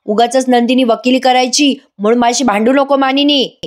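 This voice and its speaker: A woman's voice: sits high, fairly even intonation, normal speed, close to an everyday voice. A woman voicing a stubborn middle-aged father in her own voice, speaking sternly and dismissively.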